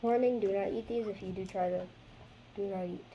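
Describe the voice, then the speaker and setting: A woman talks through a craft demo in a loose, rambling way, often trailing off mid-thought. Her voice is a little hoarse, as if she is losing it, and sits at an ordinary middle pitch. Faint background noise hums under her. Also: steady tone, brisk, lo-fi sound. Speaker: craft video host. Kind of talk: casual how-to chat.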